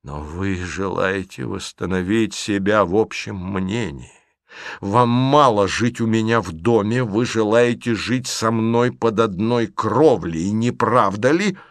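Reader doing a cold bitter nobleman, low voice, slow, dry audiobook sound. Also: no room sound. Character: stern, tormented nobleman, middle-aged.

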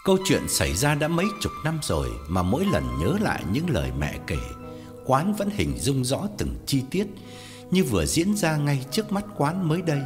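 A man narrates an audiobook story at a measured pace, his pitch moving in wide, lively swings. A long reverb trails his voice, and soft music plays underneath.

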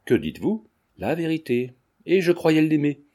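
A man's voice: a little high, sing-song, normal speed, dark tone, pitched above the performer's own voice. A man voicing a distraught young woman.

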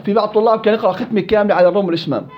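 Man, recitation teacher, fast, high-pitched, muffled lo-fi classroom recording. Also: a little hiss or hum. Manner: explains by repeating and contrasting rules. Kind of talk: classroom tajweed lesson. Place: classroom with students.

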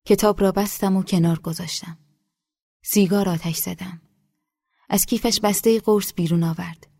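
A woman audiobook narrator reading a literary novel in a calm, measured, low-key voice. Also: creaky, no room sound. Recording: dry close studio.

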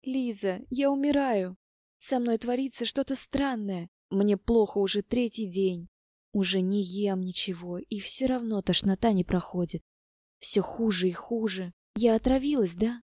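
A woman's voice: mid-range voice, a little slow, warm tone, dry recording, studio quality, close to an everyday voice. A woman voicing a frightened, tearful young pregnant woman who complains plaintively.

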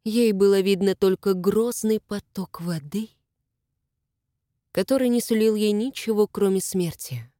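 A woman reads scripted audiobook narration in an even, measured way at a medium pitch. The recording is dry and studio quality.

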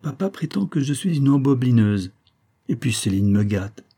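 A man voicing a mischievous, spirited young woman in an audiobook, his voice raised higher, lively and wilful. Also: normal speed, breathy edge. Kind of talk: audiobook reading.

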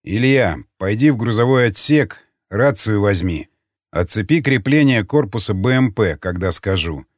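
Male narrator voicing a low, clipped, commanding pilot in an audiobook. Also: expressive, moderate pace, no echo, studio quality, natural voice. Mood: calm commanding. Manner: curt, barking orders. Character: gruff tense male pilot, curt and commanding. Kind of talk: audiobook character voice.

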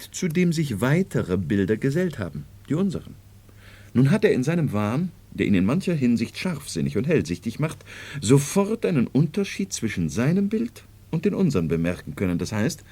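A lecturing doctor, husky and mellow. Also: male voice, mid-range voice, wildly swooping pitch. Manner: explanatory, measured lecturing tone. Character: learned doctor, calm, lecturing, sure of himself. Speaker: doctor in radio play. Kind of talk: 1970s radio drama acting.

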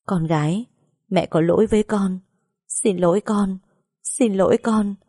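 A woman's voice: mid-range voice, measured pace, dark tone, slightly rough, dry recording, studio quality. A woman voicing a grieving middle-aged mother who speaks in a choked, tearful voice, pleading and apologizing. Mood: remorseful.

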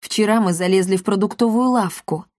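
A commanding tomcat who runs a gang of talking cats, voiced by a woman reading a storybook. He speaks low and unhurried, with growling threats. The sound is dry and close. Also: a little mellow, no room sound, close to an everyday voice. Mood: scheming. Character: gruff male talking-cat gang leader.

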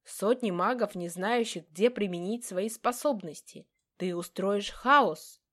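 A woman voicing an anxious, quick-tempered young male mage in an audiobook, with urgent, pleading outbursts. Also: mid-range voice, a bit bright. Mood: alarmed. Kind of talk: audiobook character reading.

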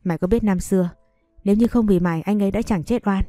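A woman's voice: medium pitch, fast, mellow, dry recording, studio quality, faint music behind, close to an everyday voice. A woman reading the lines of a furious old father in an audio story, scolding harshly.

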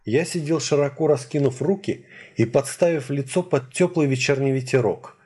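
A man narrating a first-person story in an expressive storytelling manner. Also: medium pitch, moderate pace, breathy edge. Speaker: audiobook narrator.

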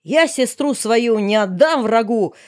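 A woman's voice: on the high side, lively intonation, unhurried, a little mellow, pitched above the performer's own voice. A woman voicing a young man who declaims a bold vow in folk verse. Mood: heroic. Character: young man vowing to defend sister.

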